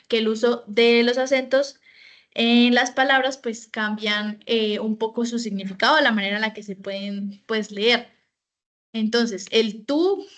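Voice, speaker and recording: Woman giving a slow, careful training talk. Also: on the high side. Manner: explains slowly with fillers and self-corrections. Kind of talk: online training presentation.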